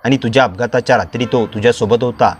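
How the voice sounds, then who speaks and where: Old dad, grave and secretive, slow solemn lines, man doing the voice, mid pitch. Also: a little hiss or hum, lightly acted.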